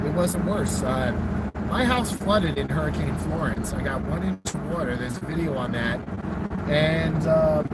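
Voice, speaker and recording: A man with a slightly high voice gives casual, rambling live commentary from behind the wheel. He talks conversationally into a phone on the dashboard. Loud car and road noise runs behind him throughout. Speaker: livestreamer narrating a night drive. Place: inside a moving car at night.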